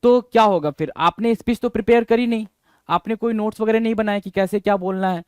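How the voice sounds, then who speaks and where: High pitched guy teaching vocab, keeps repeating words and quizzing, dry close sound. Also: brisk, a little mellow, clear, resonant tone, no room sound. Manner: drills words, repeats and spells them out, asks students questions. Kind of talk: exam-prep lesson.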